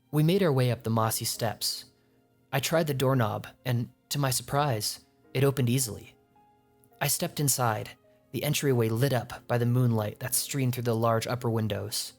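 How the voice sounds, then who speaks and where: A man narrating a scripted first-person horror story at a middle pitch, tense and measured in his delivery. Soft music lies faintly underneath his voice.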